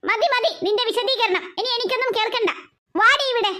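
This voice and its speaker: A woman's voice: extremely high pitch, brisk, background noise. A woman voicing a spiteful, accusing aunt in a cartoon, speaking harshly. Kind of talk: cartoon voice acting.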